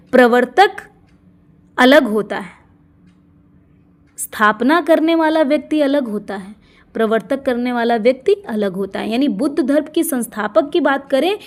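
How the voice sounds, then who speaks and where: A woman teacher giving an exam-prep lesson, explaining terms one by one and asking questions she answers herself. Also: high voice.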